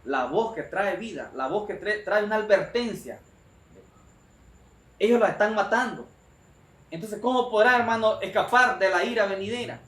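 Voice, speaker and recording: High-voiced preacher in an echoey room. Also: male voice, normal speed, fairly bright tone. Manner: emphatic and repetitive, often calling his listeners "brother". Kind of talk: sermon.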